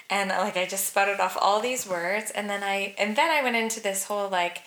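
Chatty woman, bright tone. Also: mid-range voice. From Alberta, Canada. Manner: chatty storyteller, heavy use of "like". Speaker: podcast co-host. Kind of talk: casual chat. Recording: roomy echo.

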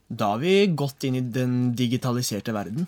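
A man's voice: medium pitch, animated, darkish tone. A young man co-hosting a podcast in casual, conversational talk. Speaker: podcast co-host. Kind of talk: casual chat.

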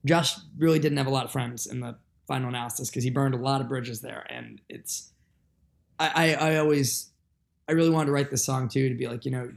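Earnest young guest musician, gravelly fry, rambling with lots of fillers. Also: male voice, medium pitch. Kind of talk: candid podcast conversation.

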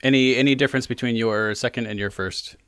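A man's voice: medium pitch, fairly even intonation, fast talker, fairly bright tone, clear, resonant tone, no echo, clean studio sound. A man co-hosting a casual food-tasting show, chatting about the taste and sharing trivia between bites. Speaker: co-host.

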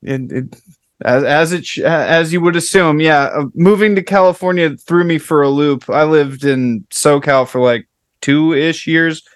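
A male podcast host with a fairly high voice, chatting casually with his guest. He rambles and jokes at his own expense, and his voice sits close to the mic with no room sound. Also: unhurried, no echo. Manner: joking, self-deprecating, rambling. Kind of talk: casual interview chat.

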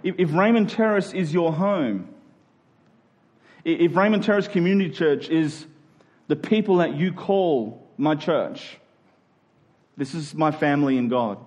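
An Australian-accented pastor delivers a sermon in a voice on the high side, a little slow and a little mellow. He is earnest and conversational, often putting questions to his listeners.

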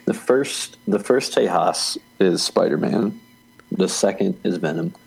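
A man's voice: sits low, expressive, unhurried, vocal fry, a little mellow, breathy edge, low-quality recording. A man co-hosting a soccer podcast, chatting casually in a rambling way with frequent restarts and easy laughs. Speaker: podcast co-host. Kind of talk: casual chat.

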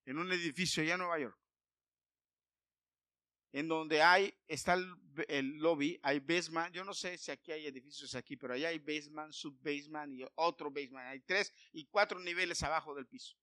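A man preaching a sermon, emphatic and building to loud declarations. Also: on the high side, moderate pace, no echo.

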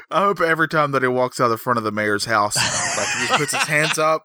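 A man's voice: mid-range voice, lively intonation, a little fast, bright, forceful tone. A man co-hosting a podcast, chatting casually and hesitantly about wrestling news. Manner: hesitant, searches for words. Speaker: podcast co-host.

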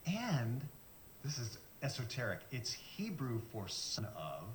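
A man's voice: medium pitch, huge pitch swings, takes it slowly, roomy sound, a little hiss or hum. An American man telling a self-mocking anecdote in a theatrical, casual way. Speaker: pastor, former radio DJ. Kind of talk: animated anecdote in casual chat.

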